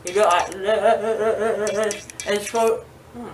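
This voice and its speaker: A woman's voice: medium pitch, steady tone, extremely slow. A woman rambling casually to camera as a vlogger, groggy and loopy from anesthesia, with a numb, sore mouth. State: numb, sore mouth after dental surgery. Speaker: vlogger giving a makeup tutorial. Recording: roomy, distant mic, faint noise.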